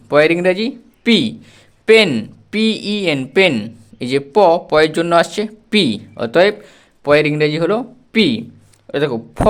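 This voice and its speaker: A man teaching a spelling lesson, slowly repeating and spelling out words letter by letter. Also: a little high, fairly bright tone, clear, resonant tone. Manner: slow, repetitive drilling, spells words out letter by letter.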